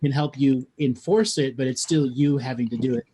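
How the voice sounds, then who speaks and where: A man's voice: medium pitch, moderate pace, mellow, a little hiss or hum. A man hosting a call-in show, giving spiritual readings to callers in a blunt, coaching manner.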